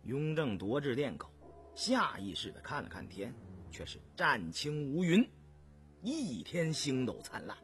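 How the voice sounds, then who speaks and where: A male storyteller reads a historical novel slowly and with measured care, his pitch rising and falling in lively arcs. Soft music plays faintly beneath him. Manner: measured, expressive narration.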